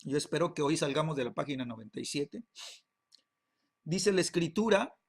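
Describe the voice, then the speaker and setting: A man, a pastor, teaching a Bible class, peppering his talk with tag questions and halting repeats. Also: fairly high pitch, expressive, vocal fry, slightly rough.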